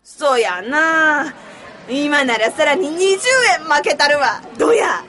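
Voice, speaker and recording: A woman's voice: sits high, expressive, slow pace, pushed and bright, a little hiss or hum, exaggerated voice. A woman doing a brash Kansai-accented Osaka auntie hawker. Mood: pushy salesy. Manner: brash, haggling sales patter. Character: pushy middle-aged Osaka auntie street vendor. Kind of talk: comic radio skit.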